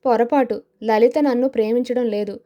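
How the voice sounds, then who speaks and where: A woman's voice: a little high, steady tone, moderate pace, warm tone, muffled recording, lightly acted. A woman voicing a brave, indignant young man. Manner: indignant, defensive retorts.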